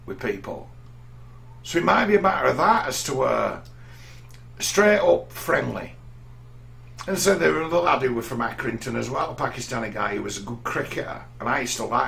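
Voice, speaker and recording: The man's medium-pitched voice has vocal fry and a touch of brightness. A middle-aged English vlogger, he rambles through personal stories in an easygoing monologue, repeatedly restarting what he's saying.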